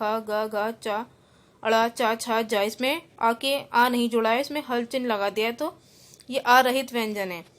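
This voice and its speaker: A woman's voice: on the high side, fairly bright tone. A woman, a school Hindi teacher giving an online class, who explains each rule and then repeats it in simpler words, mixing in English terms. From India.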